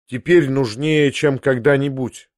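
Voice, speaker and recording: A man reads a literary novel aloud in the first person, measured and reflective. His voice is mid-pitched and recorded dry and close, with no room sound. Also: steady tone, no room sound. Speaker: audiobook narrator.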